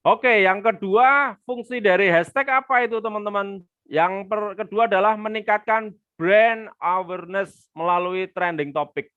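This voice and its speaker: Here the male webinar host sounds high-pitched, sharp, clear and resonant, taking his time as he teaches online marketing and reads viewer comments aloud in a live-stream. It's a dry, lo-fi recording.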